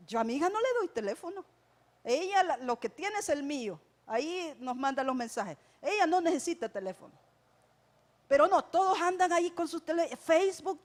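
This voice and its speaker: A woman with a Salvadoran Spanish accent delivers a sermon in a notably high voice. She speaks emphatically and keeps turning to her listeners as brothers. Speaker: preacher.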